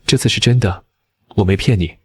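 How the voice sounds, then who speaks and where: A man's voice: lowish voice, fairly quick, breathy edge. A man voicing a selfish young adult brother who is demanding and blustering in an audio drama. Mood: pushy.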